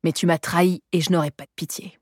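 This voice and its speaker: A woman's voice: fairly low pitch, steady tone, quick pace, slightly rough, no room sound, clean studio sound. A woman reading the lines of a cruel, menacing gunman in an audiobook. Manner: cold, threatening.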